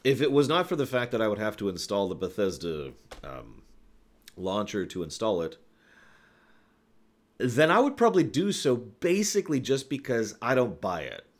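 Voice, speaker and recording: Over background music, a man with a lowish voice chats casually with his livestream viewers and answers their questions at a normal speed. His pitch swoops wildly, and his delivery is emphatic and opinionated, full of asides.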